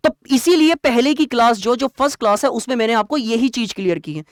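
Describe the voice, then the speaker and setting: A male teacher giving an online exam-prep lecture, explaining terms plainly and quizzing students with quick rhetorical questions. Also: very high-pitched, dry recording, studio quality.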